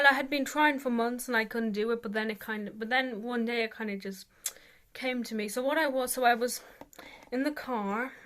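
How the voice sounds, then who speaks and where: A woman's voice: a little high, a bit bright. A woman giving a casual, rambling tutorial as an amateur vocalist, hesitant and self-deprecating, saying "like" very often.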